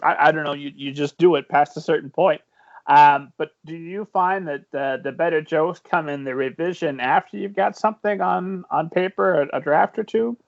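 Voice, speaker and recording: A man's voice: on the high side, moderate pace, gravelly, no echo. A man interviewing an author in a playful way, laughing easily and restarting his sentences. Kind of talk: casual interview. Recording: dry, dull lo-fi sound.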